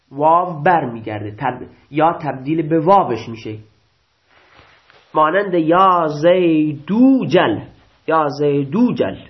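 A male teacher giving a grammar lecture, reading out rules and restating them slowly, often asking and answering his own questions. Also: fairly high pitch. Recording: dull lo-fi recording.

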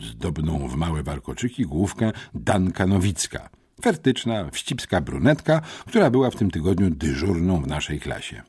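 A man reading a first-person story aloud as an audiobook narrator, in an expressive, theatrical way. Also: deep voice, slightly rough. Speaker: audiobook reader.

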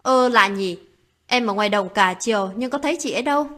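A woman's voice: mid-range voice, fairly quick, a bit bright, close to an everyday voice. A woman reading as a gossiping young village girl. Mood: urgent.

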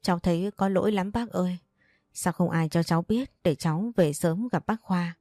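A woman's voice: lowish voice, moderate pace, warm tone, no echo, studio quality, natural voice. A woman voicing a grieving young woman who pleads and sobs through her lines, in a storybook reading. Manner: pleading, sobbing.

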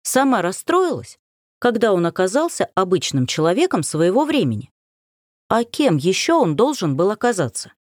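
A woman narrating a first-person novel as an audiobook, expressive and emotional. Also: medium pitch, moderate pace, no echo, clean studio sound.

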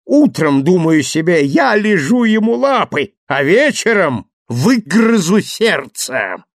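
A greedy, vicious innkeeper villain, as a male narrator puts him on, pitched well above the reader's own voice and gravelly at the edges. He gloats and rants with wide, lively swings of pitch. The storybook recording is dry and close. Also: slow, no room sound, heavily acted. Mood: gloating. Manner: gloating, snarling, ranting. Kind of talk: audiobook character reading.

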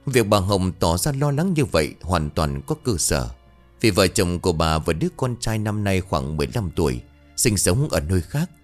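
Brief: male ghost-story narrator, low pitch, lively intonation. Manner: dramatic, measured. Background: faint music.

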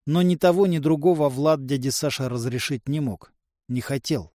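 A man's voice: fairly even intonation, normal speed, darkish tone, dry recording, clean studio sound. A man narrating an audiobook, lifting his voice for the characters' dialogue. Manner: voices characters by raising pitch. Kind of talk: scripted narration.

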